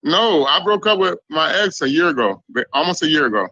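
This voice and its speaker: A man from Israel, a guest on a live dating interview, giving short, flat answers. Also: on the high side, brisk, no echo, lo-fi sound.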